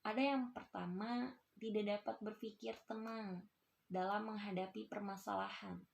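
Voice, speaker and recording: A woman's voice: medium pitch, fairly even intonation, moderate pace, creaky. A young woman, a university student, giving a casual lesson and talking to her pupils as their teacher, with a chatty, explanatory manner and lots of filler tags. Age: young adult.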